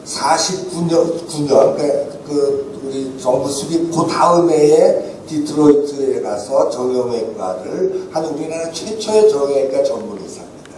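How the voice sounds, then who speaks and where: A man's voice: on the high side, a little slow, few pauses, a little hiss or hum. Older man telling stories in an echoey hall. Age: 70s. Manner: animated anecdotes, acts out quoted dialogue. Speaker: author and guest speaker. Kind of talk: storytelling at a book talk. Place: event hall. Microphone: room recording from the audience. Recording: echoey hall recorded from far off.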